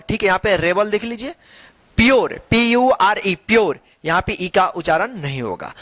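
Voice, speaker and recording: A man with a high-pitched voice teaches a phonics lesson, spelling each word letter by letter before reading it aloud. He patiently asks the class to repeat after him. The recording is close and dry. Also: a bit bright, no room sound. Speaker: English teacher.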